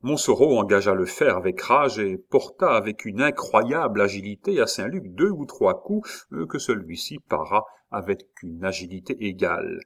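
Low-voiced guy narrating an old novel, steady audiobook reading. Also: normal speed, few pauses. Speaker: audiobook reader.

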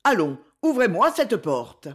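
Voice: medium pitch, very animated, measured pace, a bit bright, breathy edge, heavily acted. A reader doing a sneering, haughty duke. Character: arrogant scornful nobleman duke, sneering.

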